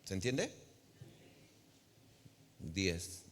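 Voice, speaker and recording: Mexican preacher in a reverberant church hall. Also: male voice, sits low, very animated, drawn-out words, slight background noise. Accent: Mexican Spanish. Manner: preaching and teaching, asking the congregation questions. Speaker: pastor. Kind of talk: sermon.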